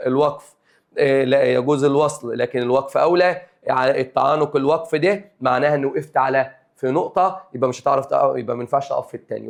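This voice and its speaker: A young man with an Egyptian Arabic accent teaching an exam review lesson, drilling rules over and over and quizzing his students. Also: mid-range voice. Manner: rapid, repetitive drilling with questions to students.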